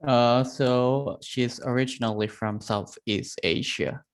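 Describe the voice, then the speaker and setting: A man's voice: mid-range voice, fairly even intonation, slow. A man presenting a medical case on a video call, hesitant, with many fillers. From Thailand.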